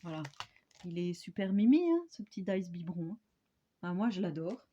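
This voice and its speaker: A woman's voice: on the low side, animated, moderate pace, warm tone, highs cut off. A woman casually showing craft supplies in a vlog, chatty and hesitant with many fillers. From France. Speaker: crafting vlogger. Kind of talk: casual product haul.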